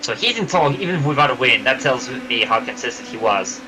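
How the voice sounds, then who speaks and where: Animated, excitable male color commentator. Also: mid-range voice, a little fast, noisy background. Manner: excitable, laughs easily, animated reactions.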